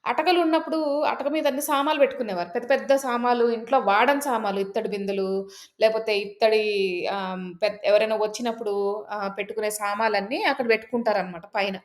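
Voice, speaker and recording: A woman's voice: on the high side, quick pace. A woman storyteller telling a folk tale in a chatty, casual way, with many fillers and asides.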